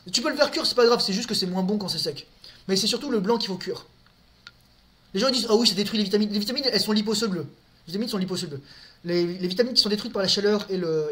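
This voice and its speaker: High-voiced man in loose, crude chat. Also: a bit bright. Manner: crude slang, repeats words, talks to his audience directly. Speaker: streamer answering viewers' questions. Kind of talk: casual live chat.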